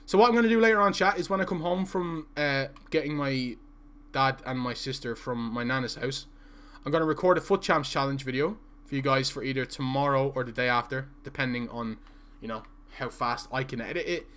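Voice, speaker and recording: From a small room indoors, a young Irish man streams his play, talking casually to viewers, reading their messages aloud and now and then stuttering. He speaks briskly in a mid-range, fairly bright voice.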